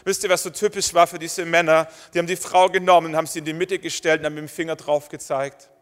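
Man, preacher, sermon, emphatic short phrases, fairly high voice, faint music, long church reverb. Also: level tone, fast talker, fairly bright tone. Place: church hall.

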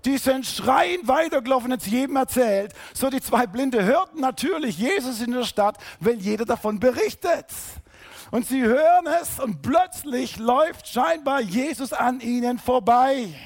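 A man preaching a sermon, emphatic, rising to loud calls and then dropping low and quiet. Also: expressive, normal speed. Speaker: pastor.

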